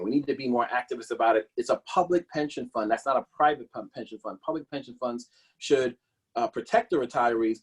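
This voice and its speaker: Here a man running as a political candidate tackles a policy question. He pitches his voice in the medium range, sounds a little husky, and stumbles along, repeating and revising his words.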